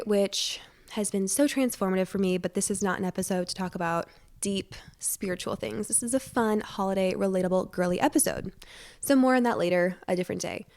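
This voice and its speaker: A woman's voice: mid-range voice, darkish tone. A woman hosting a casual solo podcast from her living room, sounding congested, chatting in a bubbly, rambling, self-deprecating way. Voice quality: stuffy, congested nose. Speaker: podcast host. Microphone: wired podcast microphone.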